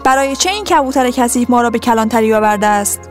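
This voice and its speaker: A woman voicing an indignant, excitable male tourist in a storybook reading. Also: fairly high pitch, faint music behind, lightly acted. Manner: indignant outbursts.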